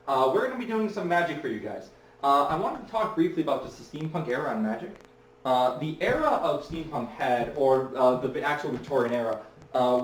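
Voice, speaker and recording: A man's voice: mid-range voice, slight background noise. A man performing as a stage magician at a fair, telling stories in a chatty way with many fillers and restarts. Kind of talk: live storytelling performance. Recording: echoey, distant mic, faint ambience.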